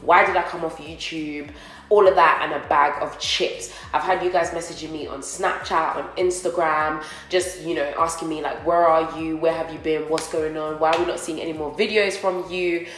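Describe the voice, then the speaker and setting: Chatting rambly to viewers as if to friends, a young beauty vlogger does her makeup in an indoor co-working space, slightly nasal from a recent cold. Her low-pitched, somewhat bright voice has fairly even intonation at normal speed, in a roomy, low-quality recording.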